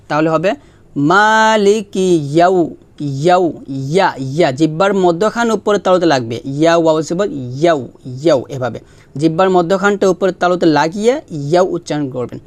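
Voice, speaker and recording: A man teaching Quran pronunciation, spelling out letters one by one and stretching the recited words in a long chant. He explains the rules quickly and asks listeners to repeat after him. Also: high-pitched.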